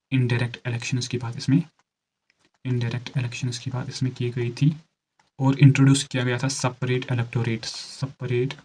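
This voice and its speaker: A male teacher working through exam questions at a measured, unhurried pace. He repeats each answer twice for note-taking and presses his students to answer quickly. His voice sits at an ordinary middle pitch. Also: darkish tone, low-quality recording. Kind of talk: exam-prep lecture mixing Hindi and English.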